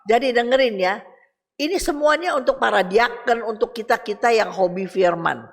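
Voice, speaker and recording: A woman's voice: on the high side, moderate pace, creaky. A woman, giving a chatty Bible study talk and speaking directly to her listeners. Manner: chatty, addresses listeners directly, reads verses aloud. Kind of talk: casual Bible teaching. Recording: reverberant hall.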